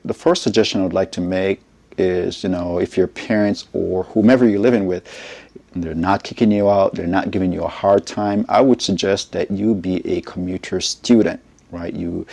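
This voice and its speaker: Deep, gravelly man. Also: a little mellow. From Jamaica. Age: middle-aged. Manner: measured, explanatory, often checks in with "right?". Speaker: college educator. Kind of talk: informational advice talk to camera.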